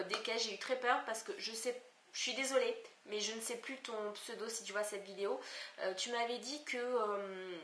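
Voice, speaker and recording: A woman's voice: a little high, a bit bright, a little hiss or hum. A woman with a Southern French accent chatting through a beauty haul video, hesitant and full of fillers and restarts, recorded on a camcorder microphone at home. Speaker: beauty vlogger. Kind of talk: casual haul video chat. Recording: echoey room on camcorder mic.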